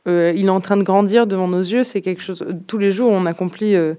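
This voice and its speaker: A young woman from southern France who sings in a band answers questions in a casual interview, shy and hesitant as she searches for her words. Her mid-range voice is steady, a little fast, dark and clean in tone, though the audio sounds dull.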